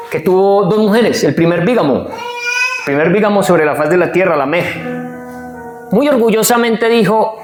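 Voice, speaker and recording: Male pastor preaching in an echoey church. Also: sits high. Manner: reads scripture slowly, then preaches animatedly with asides to the congregation. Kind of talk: sermon. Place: church hall.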